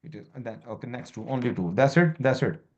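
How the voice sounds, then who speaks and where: A man's voice: medium pitch, expressive, fast, a little mellow, dull audio. A man lecturing a student as a law exam tutor, repeating key terms and quizzing her, in broken English. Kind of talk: informal lecture.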